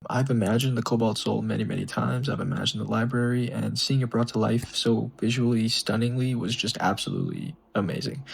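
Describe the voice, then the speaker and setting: A man hosting his own channel, giving an excited, gushing breakdown of a new show's first episode with frequent ums and restarts. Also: medium pitch, creaky, slight background noise, rough recording. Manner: enthusiastic, gushing fan. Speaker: show reviewer and channel host.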